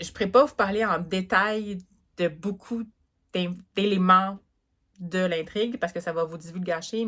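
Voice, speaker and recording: A young woman with a Québécois French accent, chatting casually about books with many fillers and restarts. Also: lowish voice. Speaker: book vlogger. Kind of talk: casual chat.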